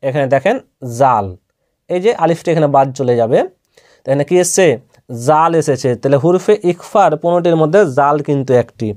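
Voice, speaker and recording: A man's voice: a little high, a little fast, darkish tone. A man teaching Quran letter reading in a patient recitation lesson, asking questions and answering them himself, with a Bangladeshi Bengali accent. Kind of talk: slow spelled-out recitation lesson.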